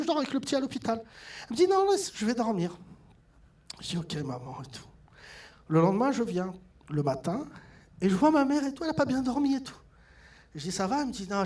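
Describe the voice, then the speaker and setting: A man doing a stand-up comedy set on stage, telling stories with lively delivery and mimicking his mother. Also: high voice. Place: theatre stage with audience laughter.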